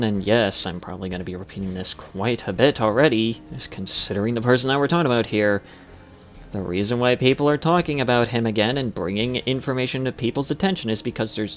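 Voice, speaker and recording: A man giving wordy reaction commentary as a video host, sarcastic, exasperated and given to swearing. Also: medium pitch. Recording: dull lo-fi, faint music behind.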